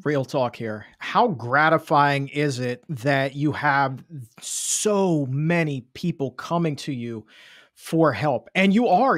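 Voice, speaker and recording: A man's voice: fairly high pitch, no room sound. A man in his thirties hosting a podcast from his studio, talking in an enthusiastic, conversational way with emphatic remarks. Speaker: podcast host. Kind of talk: casual interview chat. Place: home studio room. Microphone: studio mic, video call.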